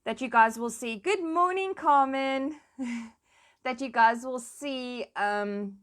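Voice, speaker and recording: A woman's voice: fairly high pitch, steady tone, slow pace, a bit bright. A South African woman chatting casually to her online followers in an informal, plain-spoken and emphatic way. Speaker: online commentator and host. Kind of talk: casual chat to followers, switching between languages.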